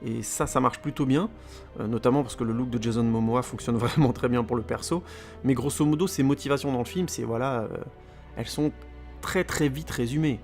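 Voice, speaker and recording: A man talks through a film review in a loose, rambling way, stumbling over repeated words and filling pauses. His mid-range voice has a gravelly edge. Faint music plays softly underneath. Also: medium pitch. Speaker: film critic podcaster. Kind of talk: casual spoken film review.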